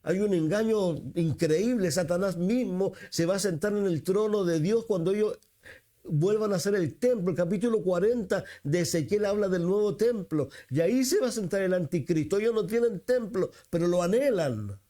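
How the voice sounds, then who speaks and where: High-voiced Chilean pastor preaching. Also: male voice, moderate pace, dark tone. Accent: Chilean Spanish. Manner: repeats himself for emphasis, asks the congregation questions; rises in pitch when quoting scripture. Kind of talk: sermon.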